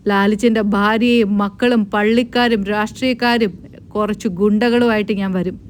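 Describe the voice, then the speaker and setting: A woman voicing an angry middle-aged aunt who confronts her niece with sharp, scolding questions. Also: medium pitch, fairly even intonation, normal speed, slight background noise, close to an everyday voice.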